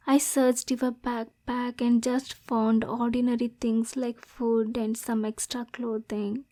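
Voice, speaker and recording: In an intimate ASMR roleplay, a woman voices a lovesick demon girl. She speaks slowly and breathily in a high, soft, mellow voice with little melodic movement, sounding lonely and nervous but also possessive.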